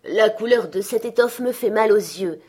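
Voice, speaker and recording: A woman doing a grieving mother, gently brave. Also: medium pitch, moderate pace, voice pushed up, natural voice. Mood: tender, grieving. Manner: steady voice with a thin cheerfulness.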